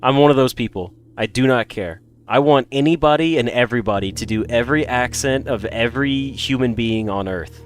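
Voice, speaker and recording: A man's voice: mid-range voice, a little fast, hardly any pauses, a little hiss or hum. A man from the American South with no regional accent, chatting casually and jokingly as a gaming streamer. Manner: rambling, joking. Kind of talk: casual chat.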